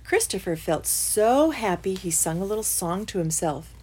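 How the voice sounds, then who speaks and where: A woman reading a bedtime story aloud to children, hushed and sometimes dropping to a whisper. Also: medium pitch, animated, moderate pace, slightly rough.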